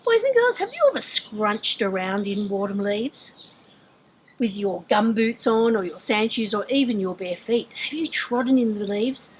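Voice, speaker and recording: A woman presenting to young children outdoors in a garden, with a bright, sing-song children's-host delivery, speaking to them directly. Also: medium pitch, fairly even intonation, measured pace, rough recording. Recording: clear outdoor background noise.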